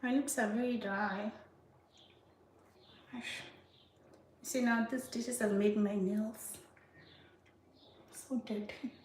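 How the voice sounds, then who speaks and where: A woman's voice: on the high side, steady tone, slow, pauses often, darkish tone, slight background noise. A woman chatting sarcastically to her viewers while washing dishes at home, laughing often. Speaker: vlogger. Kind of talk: casual chat to viewers. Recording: echoey room, mic far off.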